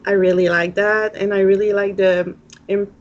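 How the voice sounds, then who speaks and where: A French-speaking woman in her thirties from northern New Brunswick with an Acadian accent, chatting as an interview guest in halting English. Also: medium pitch, flat delivery. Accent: Acadian French Canadian. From northern New Brunswick, Canada. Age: 30s. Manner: halting non-native English phrasing. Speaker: pageant guest. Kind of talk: casual interview chat. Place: indoor room at home, video call. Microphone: webcam video call. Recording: muffled lo-fi video call, music behind.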